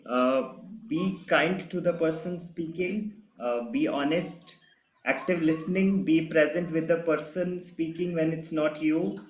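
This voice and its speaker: A man playing a halting young man in his twenties. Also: on the high side, roomy sound, slight background noise, close to an everyday voice, low-quality recording. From Lucknow. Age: 20s. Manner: halting, with many fillers. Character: hesitant young man in a support group.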